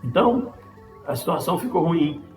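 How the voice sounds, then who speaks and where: A man's voice: a little high, sing-song, moderate pace, darkish tone. Man retelling a story with tag questions. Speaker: Spiritist study speaker. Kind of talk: casual storytelling lesson. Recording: roomy echo with faint music.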